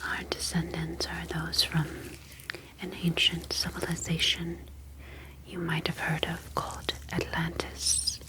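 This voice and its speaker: In this ASMR roleplay, a woman portrays a composed, formal humanoid alien scientist using gentle, breathy whispers and careful, deliberate phrasing. Her voice is on the low side, the acting is light, and the audio is poor.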